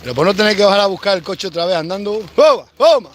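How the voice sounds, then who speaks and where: High-voiced swearing farmer. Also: male voice, very fast, a bit bright, a little hiss or hum. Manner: blunt, swearing, mocking, rough rural talk. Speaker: cattle farmer streaming live. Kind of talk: rambling live stream while herding cows. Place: outdoors on a farm with cattle.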